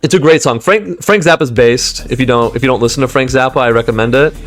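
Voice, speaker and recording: A man's voice: mid-range voice, quick pace, a bit bright, soft background music. A young man in a rambling, meandering monologue, often restarting sentences and laughing between points.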